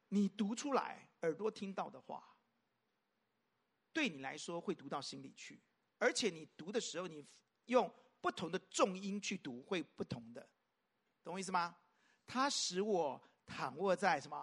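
This high-pitched, very animated man preaches as a pastor at a moderate pace with long pauses and a slightly rough voice. He poses rhetorical question after rhetorical question, shifting from loud emphasis to quiet softness.

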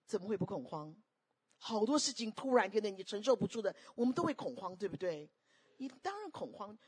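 A woman preaching a sermon, animated and constantly questioning the congregation. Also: mid-range voice, fast talker, husky.

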